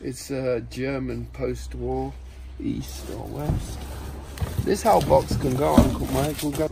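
A man's voice: mid-range voice, slow pace, gravelly, very noisy. A man sorting through a metal storage unit, casually appraising old military gear with wry remarks. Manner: lively, wry remarks while appraising items. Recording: loud clicking and rustling.

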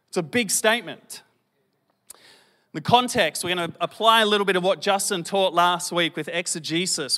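A man's voice: high-pitched, bright, forceful tone, long reverb tail. An Australian man in his late thirties preaching a sermon in a conversational way, with self-deprecating humor. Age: late 30s. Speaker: pastor.

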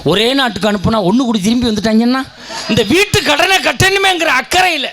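Man, Kongu Tamil accent, very high voice, comic stage debater, loud punchlines. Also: fast talker. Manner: storytelling with punchlines, turns loud and shouting at times. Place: stage before a live audience.

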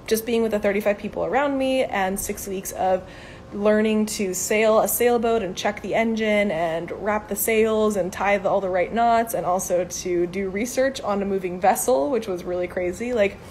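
Speaking at a moderate pace with a medium pitch and a darkish tone, a Venezuelan woman in her twenties does a casual live chat, answering viewer questions in an upbeat way full of fillers. She films on a phone held at arm's length outdoors beside a brick wall, with slight background noise.

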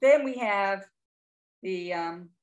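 A woman's voice: mid-range voice, lively intonation, takes it slowly, lo-fi sound. A middle-aged woman, giving a chatty, informal talk on identifying birds, with frequent restarts. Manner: chatty, with frequent restarts and playful bird imitations. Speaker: birding presenter.

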